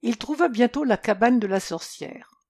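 A woman reading a children's story aloud, expressive and measured. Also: on the high side, no echo, clean studio sound.

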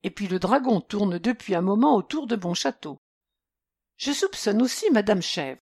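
A woman voicing a hungry, quick-tempered male ogre in a storybook reading, demanding and threatening. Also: medium pitch, expressive, darkish tone, husky. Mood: complaining.

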